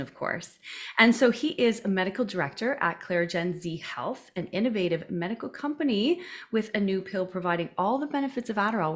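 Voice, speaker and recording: A woman hosting an interview podcast, introducing her guest and asking questions with an enthusiastic, effusive manner. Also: mid-range voice. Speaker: podcast host.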